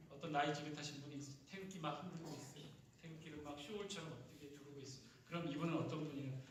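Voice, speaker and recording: A man's voice: high voice, fairly bright tone, a little hiss or hum. A male pastor delivering a Sunday sermon in a conversational way, quizzing the congregation and playfully imitating regional dialect words. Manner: conversational, asks the congregation questions and repeats their answers. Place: church sanctuary. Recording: very echoey hall, mic at a distance.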